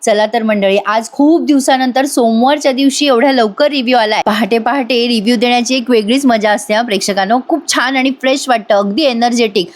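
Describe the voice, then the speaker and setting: A woman's voice: on the high side, fairly quick, few pauses. A woman giving a chatty voice-over review of a TV serial episode, retelling scenes and talking straight to her listeners. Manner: chatty, addresses listeners directly.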